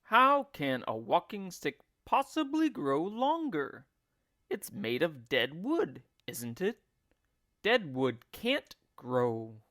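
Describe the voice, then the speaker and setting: A man voicing a gleefully cruel, scheming husband in a storybook, taunting with emphatic, drawn-out words. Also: a little high, huge pitch swings, bright, forceful tone, no room sound, studio quality, exaggerated voice. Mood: scornful.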